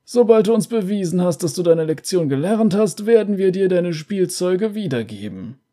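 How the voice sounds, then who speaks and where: A man's voice: high voice, animated, normal speed, dark tone, voice pushed up. A man doing a smug, condescending game official. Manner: condescending, falsely friendly. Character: smug male official talking down to a captive.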